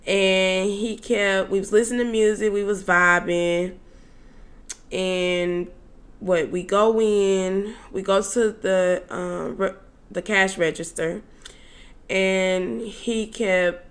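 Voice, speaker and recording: A woman's voice: mid-range voice, steady tone, takes it slowly. A young woman telling a casual story-time tale to her viewers in a chatty, slangy way, with exasperated asides to them. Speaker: storytelling vlogger.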